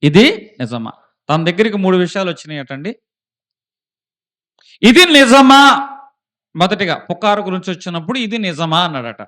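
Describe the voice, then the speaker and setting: A man's voice: high-pitched, lively intonation, fairly quick. A man preaching a sermon as pastor, asking questions of his listeners and rising into emphatic bursts. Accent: Telugu. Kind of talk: Telugu sermon.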